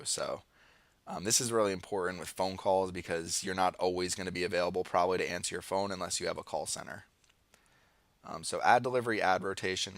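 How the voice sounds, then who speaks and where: A deep, fairly bright male voice with vocal fry carries this dry recording. The speaker, an American-accented online marketing tutorial presenter, gives a casual screen-share walkthrough, partly improvised, voicing his thoughts as he demonstrates every step.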